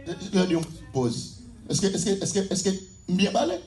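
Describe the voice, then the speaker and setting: High-voiced shouting Haitian pastor. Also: male voice, big pitch swings, moderate pace, over music. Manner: fervent preaching, often shouting, repeating phrases. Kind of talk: sermon. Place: church. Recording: echoey church hall.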